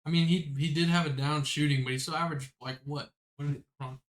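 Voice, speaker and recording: A man's voice: on the high side, fast talker. A man co-hosting a podcast, reading out player rankings and chatting casually about basketball. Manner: relaxed, reads out rankings. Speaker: podcast co-host. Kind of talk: casual sports chat.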